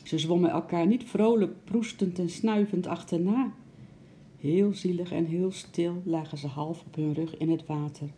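A woman narrating a children's story aloud in a gentle, expressive way. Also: on the low side, unhurried, a little hiss or hum.

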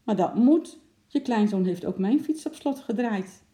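Jolly loud uncle figure, dark-toned, as a narrator plays him in a storybook. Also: mid-range voice, lively intonation, a little slow, pitched above the performer's own voice, close to an everyday voice. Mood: jovial. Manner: loud and jovial. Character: cheerful jolly man, a zoo worker. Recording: roomy echo.

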